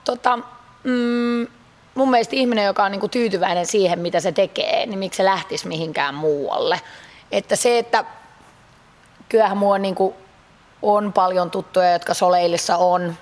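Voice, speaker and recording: A woman in her thirties from Finland, a pole dance athlete answering interview questions in a chatty way with many fillers. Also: mid-range voice. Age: 30s. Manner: chatty, frequent fillers, laughs easily.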